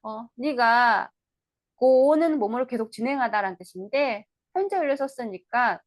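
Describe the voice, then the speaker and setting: A woman tutor giving an online lecture on an English play, reading lines slowly and explaining them in Korean, with questions to the viewers. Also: on the high side, lively intonation, no room sound.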